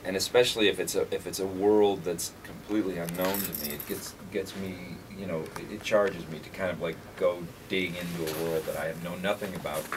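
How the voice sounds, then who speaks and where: A man's voice: deep voice, brisk, hardly any pauses. A man being interviewed as a guest actor on the radio, chatting casually and telling stories with a joking, self-mocking manner. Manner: jokey, self-mocking storyteller. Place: radio studio. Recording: distant mic with steady background noise.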